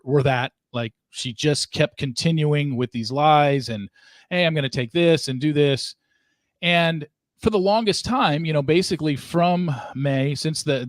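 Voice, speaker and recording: A man's voice: a little high, no room sound, studio quality. A man hosting a podcast interview, emphatically recapping events for his guest and voicing disbelief. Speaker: podcast host.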